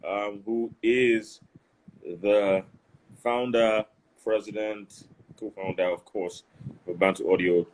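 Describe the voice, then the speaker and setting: A man hosting a live online interview show, greeting viewers with repeated, drawn-out phrases over a video call. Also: lowish voice, fairly even intonation, poor audio. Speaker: host.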